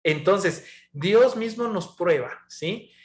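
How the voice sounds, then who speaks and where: A man's voice: high-pitched, expressive, slow, roomy sound. A man preaching a sermon in an earnest, conversational way, with frequent fillers and repeated words.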